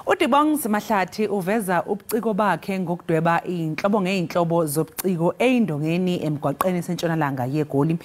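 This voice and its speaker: A woman's voice: lowish voice, darkish tone. A woman, presenting and interviewing on a television morning show from a studio. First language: Zulu.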